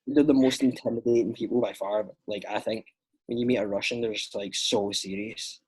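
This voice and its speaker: With a husky, low-leaning voice and a brisk pace, a young Scottish man who acts talks casually as a podcast guest, full of fillers and lively storytelling.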